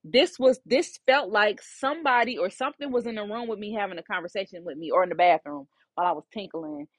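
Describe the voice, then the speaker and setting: Speaking quickly in a mid-range voice with no echo, a woman recounts something from her own life. She works as a psychic medium and hosts a podcast, and her telling is informal and animated, peppered with "you know."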